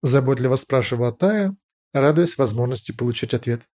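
A man reading fiction as an audiobook narrator, in a dramatic, expressive storytelling manner. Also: mid-range voice, brisk, no room sound, clean studio sound.

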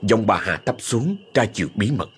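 A man narrating a horror story in a dramatic, expressive way. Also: lowish voice, normal speed, breathy edge.

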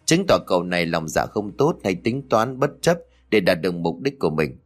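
A man's voice: low voice, sing-song, moderate pace. A man voicing a gossiping older woman neighbor in an audio story, insistent and talkative.

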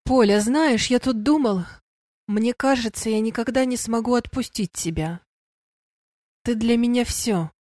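A woman's voice: on the high side, measured pace, a little mellow, dry recording, studio quality, natural voice. A woman reading the part of a confident, affectionate young male werewolf in an audiobook, speaking eagerly and with emphasis. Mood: earnest. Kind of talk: audiobook character voice.

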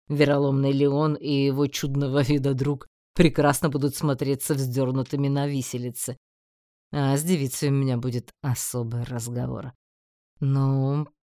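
An actor playing a scheming emperor who speaks slowly, mocking and menacing. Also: male voice, medium pitch, dark tone, no room sound, clean studio sound, natural voice. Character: cold, scheming male emperor, middle-aged. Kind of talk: audiobook character voice.

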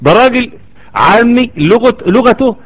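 A man's voice: extremely high pitch, lively intonation, normal speed, poor audio. A man with an Egyptian Arabic accent giving a religious lecture, arguing his point and firing rhetorical questions at his listeners. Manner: argumentative, full of rhetorical questions to the audience. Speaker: Islamic lecturer.

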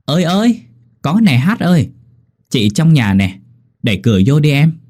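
A man voicing a loud, cheerful older village woman neighbor, exclamatory and bossy. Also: on the low side, very animated, moderate pace, husky. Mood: boisterous.

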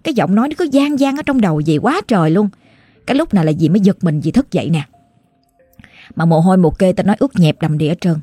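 A woman with a Southern Vietnamese accent tells a ghost story as if chatting with a friend, full of exclamations. Her voice is dark and mellow, and the recording is dry and close. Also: lowish voice, lively intonation, fast talker, slightly rough, dry recording, soft background music.

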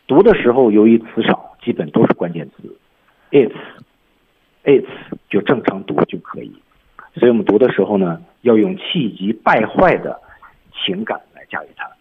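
A male English teacher with a husky voice, patiently explaining words in a radio lesson over a tinny phone-like line. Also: on the low side, very animated, moderate pace.

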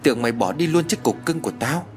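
A man's voice: mid-range voice, animated, fast talker, music in the background, pitched above the performer's own voice, lightly acted. A man voicing a bossy, scolding old mother-in-law in a spoken horror story. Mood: doting. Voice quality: sharp, scolding.

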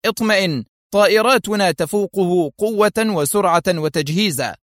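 Man playing a stern male pilot, firm and sharp, raised pitch. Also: moderate pace, dry recording, clean studio sound. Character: stern adult male helicopter pilot urging restraint.

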